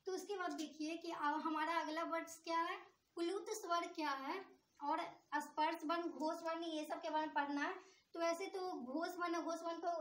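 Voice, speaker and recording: A woman teaches a grammar lesson in a very high voice, stopping often to quiz her students and then giving the answer herself. Her voice rings around a bare, echoey room. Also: fairly bright tone. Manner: asks the class questions and answers them herself.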